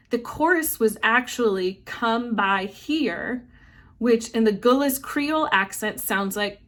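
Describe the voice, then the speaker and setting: A young woman pastor giving a devotional reflection, earnest and reflective, and she addresses her listeners as beloved. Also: mid-range voice.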